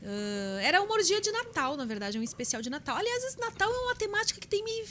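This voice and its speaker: A Brazilian woman chats as a guest in a studio, frank and playful, often giggling. Her voice is high, bright and swoops around a lot. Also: sing-song, fast talker, a little hiss or hum. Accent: Brazilian Portuguese. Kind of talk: casual studio chat.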